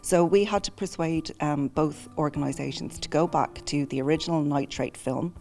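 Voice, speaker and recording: A woman's voice: deep voice, normal speed, a little mellow, faint music behind. A woman speaking as an archivist, explaining things step by step in an interview. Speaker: film archivist.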